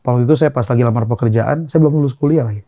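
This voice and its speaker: A young man from Indonesia speaks quickly in a dark, mellow voice. He tells a personal testimony earnestly, halting and repeating phrases. The sound is dry and close, with little room. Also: medium pitch, no echo. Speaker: guest.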